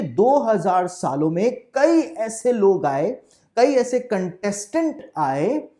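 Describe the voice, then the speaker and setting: A pastor giving a deliberate, explanatory Bible prophecy talk in a preaching style, restating each point twice. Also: male voice, sits high, warm tone.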